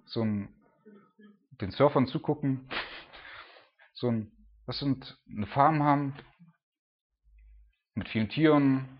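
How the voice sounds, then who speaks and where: Husky-voiced man preaching casually. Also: mid-range voice, muffled recording. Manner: loose and chatty, full of filler words.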